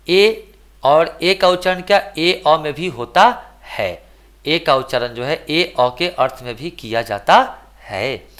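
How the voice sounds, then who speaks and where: A man with a Bihari Hindi accent teaching an English pronunciation lesson. He asks and answers his own questions, and repeats and stretches words slowly. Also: fairly high pitch, a bit bright. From India. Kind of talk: classroom lesson.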